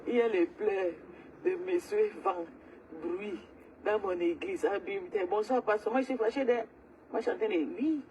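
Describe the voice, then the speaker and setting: A woman's voice: mid-range voice, normal speed, a little hiss or hum, low-quality recording. A woman, ranting angrily and repetitively during a live stream. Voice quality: agitated, loud, repetitive ranting. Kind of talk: angry social media livestream rant.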